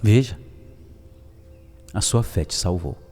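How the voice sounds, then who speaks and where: A man voicing Jesus as a calm, compassionate male teacher, in a raised, earnest instructing tone. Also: on the low side, slow pace, big-room sound, soft background music. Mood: kind.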